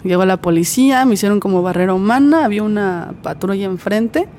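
A woman's voice: mid-range voice, lively intonation, brisk, mellow, a little hiss or hum. Mexican woman recounting an ordeal earnestly. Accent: Mexican Spanish. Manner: earnest, vivid retelling that acts out what others said. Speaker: interview guest. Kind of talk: personal testimony.

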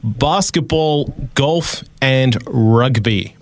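A man's voice: medium pitch, drawn-out words, no echo. New Zealand man hosting a casual radio quiz. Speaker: radio sports desk presenter and quizmaster.

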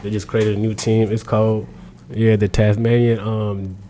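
A young man from South Sudan who grew up in Australia answers questions as a basketball player guest. His voice sits low and stays fairly flat, with a mellow, dark tone. He talks in an easygoing, slangy way full of fillers. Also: normal speed, a little hiss or hum. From South Sudan, raised in Australia. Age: young adult. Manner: laid-back, slangy, lots of fillers. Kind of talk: casual interview.

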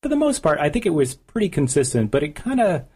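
A male interviewer whose breathy voice moves up and down a lot as he talks. He sets up his questions at length and with eager interest, in a relaxed conversational style. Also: fairly high pitch, fast talker. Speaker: interviewer, podcast host.

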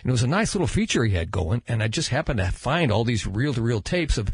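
Husky, dry-sounding American podcast host. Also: male voice, medium pitch, sing-song, fast talker, no echo. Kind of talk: casual chat. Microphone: close studio microphone.

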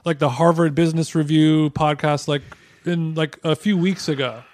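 A man co-hosting a podcast, chatting casually and telling rambling, animated stories full of "like". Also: fairly high pitch, normal speed, dry recording, studio quality. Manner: rambling, animated storytelling with many "like"s. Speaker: podcast co-host. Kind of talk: casual chat.

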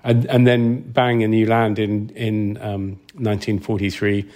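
A man interviewed about his work as a film sound designer explains things conversationally, thoughtful and halting, repeating words. His voice is on the low side, level, and darkish.

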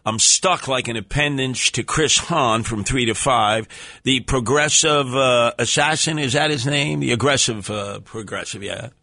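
A talk radio host with a New York accent rambles through a comic monologue, theatrical and bombastic, in streetwise speech full of colourful coinages. His mid-range voice is gravelly, bright and punchy, a little slow, recorded in a dry studio with no echo.

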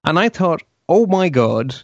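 A man's voice: a little high, sing-song, measured pace, dry recording, lo-fi sound. A man with an Irish accent co-hosting a casual panel chat, talking hesitantly and repeating words. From Ireland. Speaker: podcast co-host.

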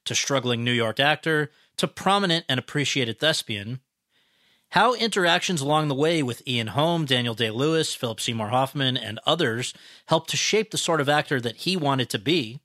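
A man's voice: mid-range voice, lively intonation, normal speed, pushed and bright, dry recording, studio quality. A man hosting a podcast, reading a prepared introduction and then asking earnest, well-prepared questions. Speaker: podcast host. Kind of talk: scripted intro then interviewing.

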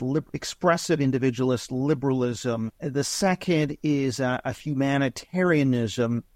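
Measured middle-aged male academic. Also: on the high side, darkish tone, no echo, clean studio sound. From Canada. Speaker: guest professor. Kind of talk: interview answers.

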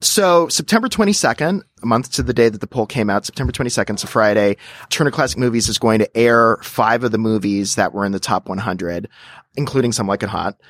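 A man's voice: fairly low pitch, a little fast, no room sound. A man as a podcast guest, chatting casually and agreeing emphatically with repeated words. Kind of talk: casual interview chat.

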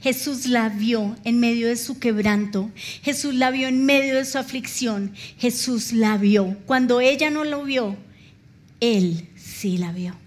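A middle-aged woman pastor, preaching a sermon and telling a personal story with feeling and acted-out dialogue. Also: fairly high pitch. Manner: emotional storytelling, acts out dialogue.

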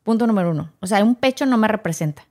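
A woman tells her own story as a podcast guest, her voice sitting in a middle register. She talks in an animated way and acts out the people in it, switching into their voices as she goes. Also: medium pitch, quick pace. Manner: animated, acts out quoted dialogue. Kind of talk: emotional personal storytelling.

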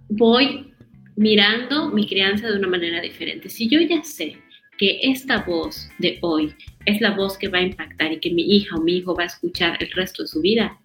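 A woman, a parenting guest expert, explains calmly. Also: mid-range voice, roomy sound. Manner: explains calmly, acts out scolding parents in a raised voice. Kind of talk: conversational podcast interview.

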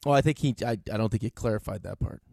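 A man co-hosting a sports radio show, ribbing his partner and laughing often in quick, casual banter. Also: fairly low pitch, gravelly, a little mellow, no echo.

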